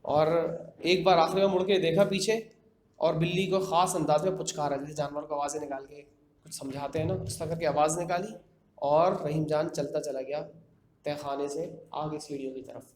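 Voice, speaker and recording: A man's voice: fairly high pitch, fairly even intonation, darkish tone. A man casually retelling a horror story in his own words, conversational, with fillers and repeated phrases. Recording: echoey room with faint background noise.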